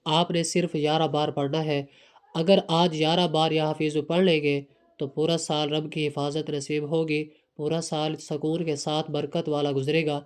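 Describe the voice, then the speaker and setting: A man's voice: on the high side, little pitch movement, clean tone. A man with a Pakistani Urdu accent giving earnest, repetitive step-by-step devotional instructions. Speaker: religious instructor.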